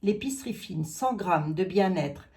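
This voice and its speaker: A woman's voice: on the low side, expressive, a little slow, warm tone. A middle-aged woman chatting casually to her viewers as she unboxes gifts, thinking aloud with many fillers and repeated words. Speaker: psychic channel host opening gifts.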